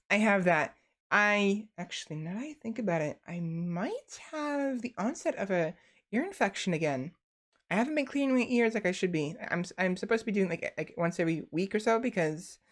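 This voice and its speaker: A tired young woman streams from her desk, chatting freely with her viewers at a medium pitch. She rambles, restarts sentences and relies heavily on fillers.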